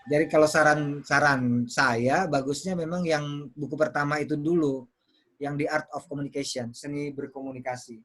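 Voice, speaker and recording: Male speaking coach, slightly high voice, patient teacher on a video call. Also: fairly even intonation, moderate pace, fairly bright tone. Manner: explains with examples, repeats words to show intonation. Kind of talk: online workshop teaching.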